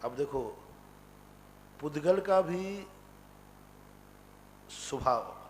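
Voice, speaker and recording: A man, a Jain monk from India, teaching a scripture class, explaining step by step with rhetorical questions and chanting sutra lines slowly. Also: a little high, expressive, in a large hall, a little hiss or hum.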